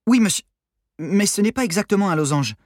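A man's voice: high voice, lively intonation, fairly quick, dry recording, studio quality, voice pushed up. A man voicing a timid, hesitant young female secretary in an audiobook reading. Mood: timid flustered. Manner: hesitant, flustered.

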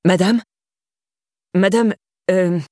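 A woman's voice: fairly low pitch, fairly even intonation, drawn-out words, darkish tone, no room sound, studio quality. A woman voicing a tense, worried young man in an audiobook, urgent and strained under forced politeness. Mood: defensive.

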